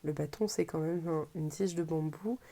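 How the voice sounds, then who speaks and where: A woman's voice: low voice, moderate pace, gravelly, warm tone. A woman with a French accent casually presenting an unboxing as a reviewer, hesitant and often searching for her words. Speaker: tarot deck reviewer.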